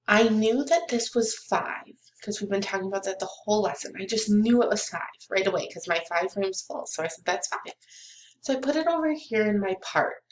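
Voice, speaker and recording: A young woman giving a recorded lesson to small children like a kids show host, in simple, encouraging words, asking questions and counting along. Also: mid-range voice. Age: young adult. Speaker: kindergarten math teacher. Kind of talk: recorded children's lesson, talking directly to pupils. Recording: roomy, echoey webcam sound.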